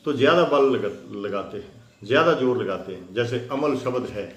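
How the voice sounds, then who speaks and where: Roomy-sounding male Hindi grammar teacher. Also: mid-range voice. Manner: explains slowly with many fillers, spells out sounds. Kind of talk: spoken lesson. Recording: roomy echo.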